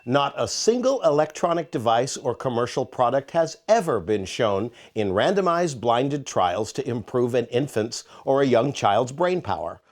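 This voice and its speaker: A man's voice: medium pitch, sing-song, moderate pace, hardly any pauses. A man narrating an educational parenting quiz, reading multiple-choice questions with playful emphasis. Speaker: author and narrator.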